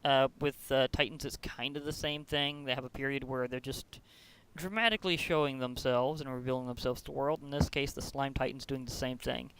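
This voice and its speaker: Upbeat male host, bright tense voice, jokey play-by-play. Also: mid-range voice, brisk, slight background noise. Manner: excitable, chatty, jokey. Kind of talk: gameplay commentary.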